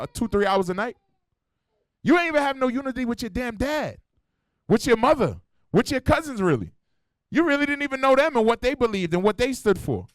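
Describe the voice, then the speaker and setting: A man preaching in a high voice with a blunt, slangy, profane delivery. He keeps challenging the room with rhetorical questions. The sound is dry and close. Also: no echo. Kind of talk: street-style sermon. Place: church meeting hall.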